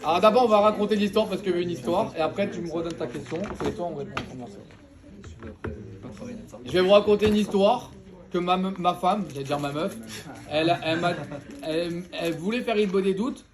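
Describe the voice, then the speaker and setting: Man, religious teacher, high voice, slangy, animated storytelling, casual lesson. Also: brisk, a crowd in the background. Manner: animated, slangy and joking with listeners. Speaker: Torah teacher.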